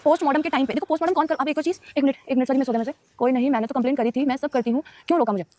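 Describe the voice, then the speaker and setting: High, steady, and darkish in tone, her voice is recorded with no room sound. The young woman takes viewer questions on a casual live stream, replying quickly and defensively with a lot of emotion, straight to her audience.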